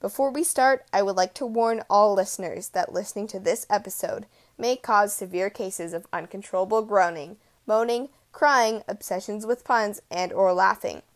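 A woman hosts a podcast and reads out puns with a playful, punchy delivery. She speaks at normal speed in a medium-pitched voice.

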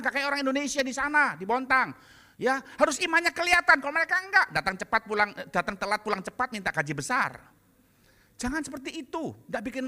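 Lively joking male pastor. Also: very high-pitched, long reverb tail. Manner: lively, joking, mixes in English phrases. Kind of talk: sermon with comic stories.

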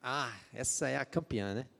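Animated Brazilian preacher, man, echoing hall. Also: medium pitch, creaky. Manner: animated, rhetorical questions to the congregation. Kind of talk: sermon. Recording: long hall reverb.

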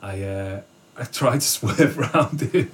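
A man telling a story in casual conversation, animated and laughing often, acting out what people said. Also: medium pitch, a little slow, a little hiss or hum. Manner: animated, laughs often, acts out quotes with a raised voice. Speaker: guest.

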